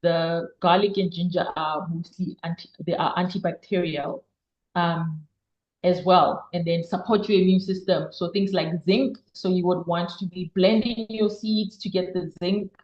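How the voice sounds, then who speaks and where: A woman's voice: fairly low pitch, steady tone, moderate pace, darkish tone, reverberant, highs cut off. A woman giving health advice in a casual question-and-answer chat, explaining at length and repeating words for emphasis. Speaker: health guest expert.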